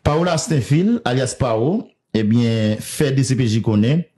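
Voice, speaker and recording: A man's voice: medium pitch, animated, a little slow, mellow. A man hosting a gossip news show, chatty and laughing often as he reads out details.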